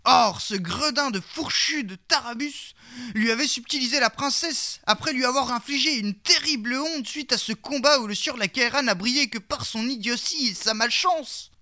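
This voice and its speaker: Male comic storyteller, mock-solemn delivery with absurd asides, high and very bright tone. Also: normal speed. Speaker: narrator. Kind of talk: comic fairy-tale narration.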